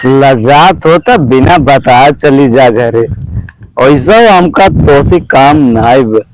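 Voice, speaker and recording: A man's voice: medium pitch, background noise, close to an everyday voice. A man playing a swaggering, maudlin village drunk in a comedy sketch, rambling drunkenly with an Awadhi accent from eastern Uttar Pradesh. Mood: coaxing, annoyed. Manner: drunken, rambling, drawn-out town drunk talk.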